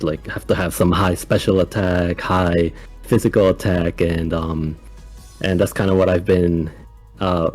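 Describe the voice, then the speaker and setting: A young man from Ecuador, now living in the United States, talking calmly and casually as a guest in an interview. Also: low voice. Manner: calm, laid-back, soft-spoken with frequent laughs. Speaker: guest coach.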